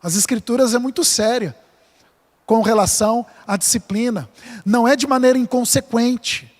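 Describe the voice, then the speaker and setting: Male pastor, high voice, earnest emphatic sermon, light-hearted asides, long church-hall reverb. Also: moderate pace. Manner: earnest and emphatic, mixing scripture reading with a light-hearted personal story. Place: church sanctuary.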